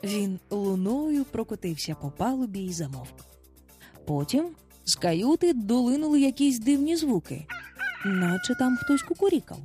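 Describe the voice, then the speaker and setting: A woman narrating a children's adventure story in a dramatic, expressive manner. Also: on the high side, moderate pace, faint music behind.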